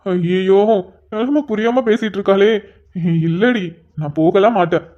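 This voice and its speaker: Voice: medium pitch, normal speed, muffled recording, natural voice. A performer voicing a flustered young married man in a cartoon, exasperated and pleading, with sighing asides.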